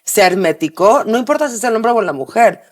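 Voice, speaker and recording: A woman's voice: fairly high pitch, animated, brisk. A woman, co-hosting a podcast and making her points emphatically. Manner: emphatic, argumentative. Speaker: podcast co-host. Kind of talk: conversational podcast.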